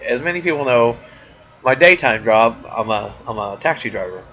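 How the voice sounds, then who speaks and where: A man hosting his own show, telling stories in a rambling, animated casual monologue. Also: mid-range voice, normal speed. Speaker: podcast host. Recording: dull lo-fi sound.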